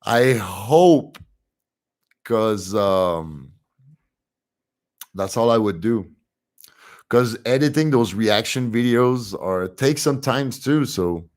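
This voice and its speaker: Slow and full of long pauses, a young man's medium-pitched voice carries a French accent as he chats in English, his second language. Hosting a livestream, he reads viewers' comments aloud in a relaxed, chatty way and laughs softly and often.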